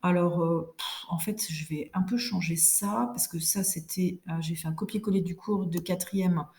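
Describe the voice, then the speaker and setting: A woman teaching a recorded class lesson in a low-pitched, mellow voice. She explains each point step by step and keeps checking in with her pupils. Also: fairly even intonation, normal speed, creaky. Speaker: French teacher.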